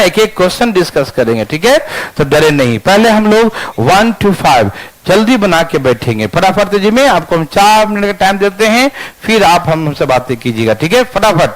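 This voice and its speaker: High-voiced man teaching a math lesson. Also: low-quality recording. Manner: checks understanding often, repeats steps aloud; mixes English phrases into explanations.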